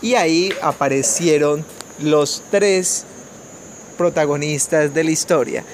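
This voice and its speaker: A man from Colombia reading a fairy tale aloud to children at home in a gentle, measured storytelling manner, with a few small restarts. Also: fairly high pitch, a little hiss or hum. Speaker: family storyteller.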